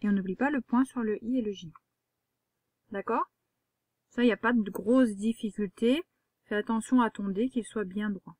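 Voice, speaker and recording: A woman's voice: mid-range voice, moderate pace, long pauses, darkish tone, slightly rough, dry recording, studio quality. A woman, a primary school teacher giving a patient, step-by-step handwriting lesson to a young child.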